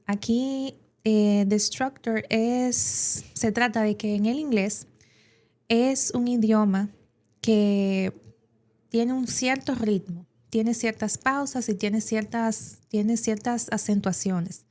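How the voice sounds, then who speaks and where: A woman's voice: a little high, fairly even intonation, takes it slowly, a little mellow. A woman with a Dominican Spanish accent, an English teacher explaining in an educational podcast with plenty of examples and fillers.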